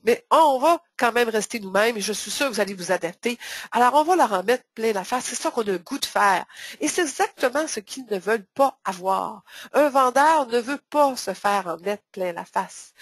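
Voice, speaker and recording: Woman, Québécois accent, sales trainer, webinar talk, emphatic, somewhat high voice, dry close sound. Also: no room sound. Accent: Québécois French. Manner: emphatic, repeats words for stress. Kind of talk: webinar presentation.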